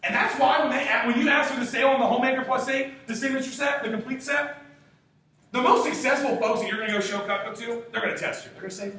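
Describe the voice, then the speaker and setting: A man's voice: very high-pitched, fairly even intonation, fast talker, pushed and bright. A man in his twenties gives a sales training talk to a group, emphatic and punchy, firing off rhetorical questions and swearing casually. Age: 20s. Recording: very echoey room, distant mic, faint hiss.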